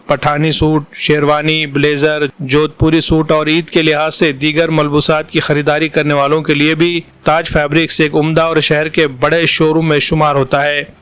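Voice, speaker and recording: A male announcer with a fairly high, smooth voice reads a scripted advertorial. His delivery is formal and very even, recorded close and dry. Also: dry recording. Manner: formal, measured, news-report phrasing.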